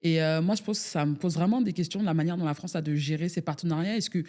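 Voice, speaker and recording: A woman's voice: low voice, steady tone, fast talker, a little mellow. A woman, an ecologist activist in a political debate, speaking hesitantly with many fillers.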